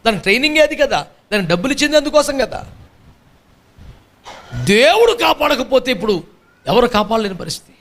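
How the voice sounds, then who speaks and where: A man's voice: very high-pitched, very animated, fairly quick, pauses often, a bit bright, a little hiss or hum. A male pastor preaching a sermon, emphatic and repetitive, firing rhetorical questions at the congregation with mocking asides.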